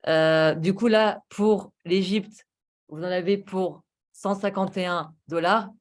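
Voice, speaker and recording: A woman's voice: fairly low pitch, steady tone, takes it slowly. A woman giving a casual, persuasive sales presentation of a travel booking platform, enthusiastic and full of rhetorical questions and fillers. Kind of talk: casual sales presentation over screen share.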